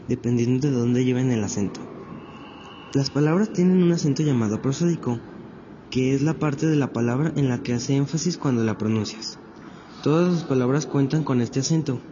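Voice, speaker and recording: A man narrating a scripted lesson in a clear, measured way. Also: mid-range voice. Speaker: teacher. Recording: dull lo-fi audio with steady noise.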